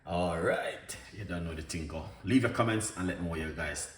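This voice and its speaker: A man's voice: low voice, fairly quick, a bit bright. A man hosting a casual cooking live stream, upbeat and chatty as he talks to his viewers. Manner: upbeat, chatty, greets viewers by name and place. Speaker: cooking show host. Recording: echoey room, mic at a distance, background noise.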